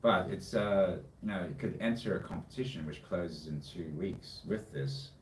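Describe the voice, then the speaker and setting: In this casual chat, a man with a low voice talks at normal speed, relaxed and meandering. He's a co-host and a hobbyist music producer. The audio is roomy and far off, with faint noise behind it.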